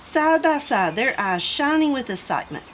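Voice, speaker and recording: A woman reading a children's picture book aloud in an expressive way. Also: sits high, normal speed, slight background noise, rough recording. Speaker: children's story reader.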